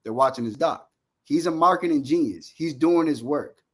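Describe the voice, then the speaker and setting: A man with a slightly high voice argues heatedly about sports like a fan pundit. He is insistent and repetitive, cutting in with slang and profanity to press his point. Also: normal speed, slightly rough. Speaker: sports fan debater, Cowboys supporter.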